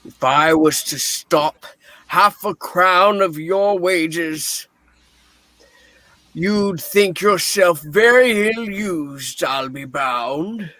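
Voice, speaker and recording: A man acting out a miserly old boss with a high, bright voice. He speaks slowly and scornfully, snapping into curt barks, in radio play fashion. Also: dry recording, exaggerated voice. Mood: grudging, sour. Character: grumpy, miserly old businessman, Ebenezer Scrooge. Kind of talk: theatrical radio play reading.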